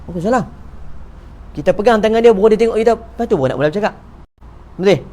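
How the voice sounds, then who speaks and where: High-voiced Malaysian religious teacher. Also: male voice, racing. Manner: lively, joking, acts out little dialogues. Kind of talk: evening mosque talk. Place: neighbourhood prayer hall.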